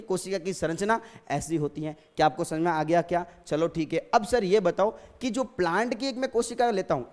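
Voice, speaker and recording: A man's voice: high-pitched, a little mellow. A male teacher giving a science lesson, asking questions and answering them himself while repeating key terms and addressing the students fondly. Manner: repetitive, drilling terms.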